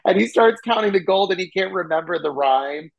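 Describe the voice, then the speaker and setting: Animated male podcast co-host. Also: high-pitched, brisk, gravelly, highs cut off. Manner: animated, acts out quotes, laughs often. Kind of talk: casual chat, recapping a TV episode.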